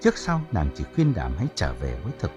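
A man narrating an audiobook story in a calm storytelling manner. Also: low-pitched, fast, over music.

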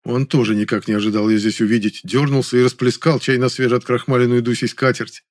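A man's voice: medium pitch, little pitch movement, quick pace. A man reading a novel aloud in the first person, with a wry, dry delivery. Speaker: audiobook narrator.

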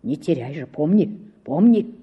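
A woman voicing a distraught, frantic father in a hushed, urgent voice, reading a storybook aloud. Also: low-pitched, animated, unhurried, slightly rough, narrow, tinny audio, pitched below the performer's own voice, full character voice. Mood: whispering.

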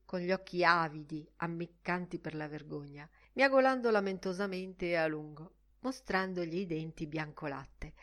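A woman narrating a literary audiobook expressively, often dropping her voice to a soft hush. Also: sits low. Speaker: audiobook reader.

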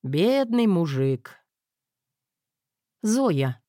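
A woman reading a first-person audiobook in a steady, wry storytelling manner. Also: on the low side, drawn-out words, no room sound, studio quality. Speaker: audiobook narrator.

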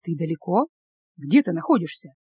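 A woman voicing a worried, caring man who talks calmly on the phone in an audiobook. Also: mid-range voice, moderate pace, husky, no echo. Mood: coaxing.

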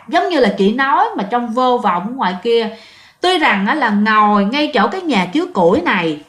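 A woman narrating a ghost story in a chatty manner, talking straight to her listeners. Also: on the high side. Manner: chatty, addresses listeners directly. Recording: roomy echo.

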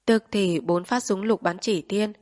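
A woman's voice: medium pitch, steady tone, a little slow, a little mellow. Solemn woman narrating a novel. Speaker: audiobook narrator.

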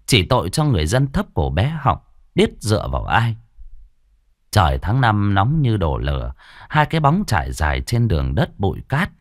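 A man narrating an audiobook story in an expressive, colloquial way. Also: lowish voice, dry recording, studio quality.

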